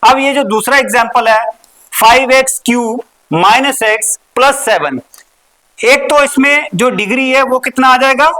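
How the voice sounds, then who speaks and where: A woman teaching a maths lesson. She asks questions, answers them herself, repeats key words and slows down on the important terms. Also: high voice, bright, forceful tone, rough recording. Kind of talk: recorded classroom lesson.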